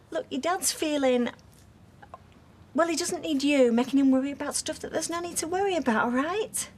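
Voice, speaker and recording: A woman's voice: sits high, moderate pace, pauses often, slight background noise, close to an everyday voice. An actress playing a defensive mother, lecturing her daughter in a stern, insistent way.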